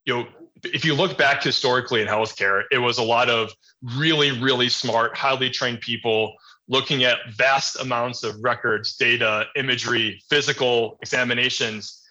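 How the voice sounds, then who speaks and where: A man answering interview questions about healthcare technology in a measured, explanatory way with frequent ums. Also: mid-range voice, sharp tone. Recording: dull lo-fi audio.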